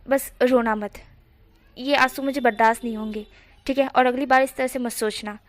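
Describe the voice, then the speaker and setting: A caring but possessive older man who speaks softly and firmly, as a woman reads his lines. The voice stays fairly high, close to the reader's own. It is a storybook reading. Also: fairly even intonation, moderate pace, close to an everyday voice. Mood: soothing.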